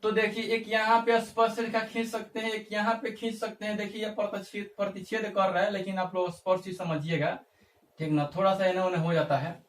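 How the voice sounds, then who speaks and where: A man's voice: high voice, level tone, a little fast, a little hiss or hum. A male teacher giving a math lesson, asking the class questions and answering them himself, repeating phrases as he coaxes them along. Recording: echoey room, mic far off.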